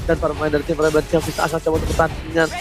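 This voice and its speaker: An Indonesian man commentating a match as an excited fighting game announcer, with drawn-out hype calls. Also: on the high side, over music. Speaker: esports match commentator, play-by-play caster.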